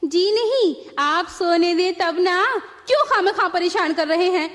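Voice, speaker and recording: A woman's voice: extremely high pitch, measured pace. A woman in a comic sketch, speaking politely and a little tiredly. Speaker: daughter in sketch. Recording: hall reverb.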